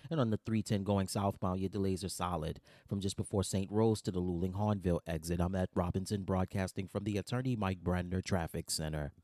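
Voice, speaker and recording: A man's voice: low voice, fairly even intonation, a little fast, hardly any pauses, darkish tone, no room sound, studio quality. A man reading a radio traffic report as the station's traffic reporter.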